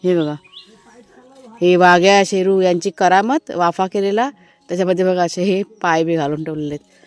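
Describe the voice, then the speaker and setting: A woman from Maharashtra in casual vlog narration, chatty and explanatory as she speaks to viewers from an outdoor garden, now and then calling loudly to her dogs. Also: fairly low pitch, fairly even intonation, normal speed. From Maharashtra, India. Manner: calls out loudly to her dogs between remarks. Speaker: family vlogger.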